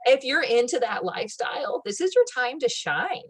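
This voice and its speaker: A woman's voice: high voice, big pitch swings, moderate pace, slightly rough. Lady cohost doing dry ironic wellness bit, chill, lots of like and you know. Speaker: comedy show co-host. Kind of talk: deadpan satirical wellness chat.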